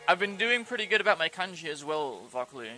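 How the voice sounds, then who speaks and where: A man's voice: high voice, lively intonation, fast talker, pushed and bright, faint music behind, low-quality recording. A male streamer chatting casually and rambling, his talk full of "like" and restarts. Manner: rambling, fills speech with "like". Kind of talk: casual chat on a reading stream.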